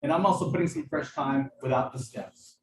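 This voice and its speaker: A man, a chef, giving a casual cooking demonstration in a kitchen over a video call. He talks in a hesitant, halting way, with lots of fillers and restarts. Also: mid-range voice. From United States. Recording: echoey room, far from mic, background noise.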